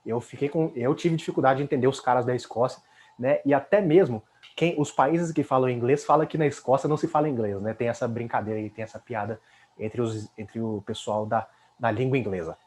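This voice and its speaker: A man's voice: mid-range voice, brisk, a little mellow. A man from Brazil with a Brazilian Portuguese accent, giving a casual English lesson and often ending phrases with a questioning tag. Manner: chatty, fills with "né?" tag questions. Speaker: English teacher.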